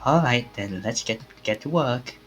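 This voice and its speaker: A streamer reads a visual novel out loud at a moderate pace, soft music playing behind them. The voice is very animated, centered at a middle pitch, and swings widely up and down as the lines move from one speaker to the next.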